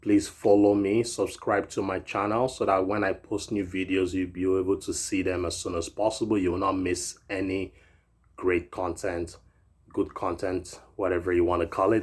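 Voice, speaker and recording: A European fitness YouTuber in his thirties gives a chatty, casual motivational vlog talk, often finishing lines with "right?". His voice sits low, with a level tone and moderate pace.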